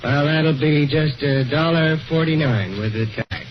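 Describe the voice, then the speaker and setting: A folksy gas station attendant, old radio recording. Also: male voice, on the high side, unhurried, over music. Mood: friendly. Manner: folksy, talkative. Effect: old 1940s radio broadcast recording. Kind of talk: 1940s radio acting. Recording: dull lo-fi 1940s broadcast with hiss.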